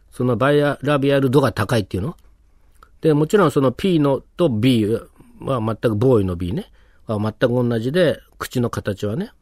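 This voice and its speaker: A man's voice: medium pitch, darkish tone, no echo, clean studio sound. A man teaching pronunciation in a casual lecture, explaining step by step with many fillers and tag questions.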